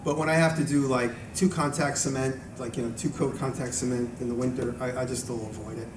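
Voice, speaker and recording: A video maker speaks fast in a mid-range voice with fairly even intonation, chatting informally at a live event and taking audience questions. The talk rambles and self-interrupts, heard through a distant mic in a noisy, echoey room.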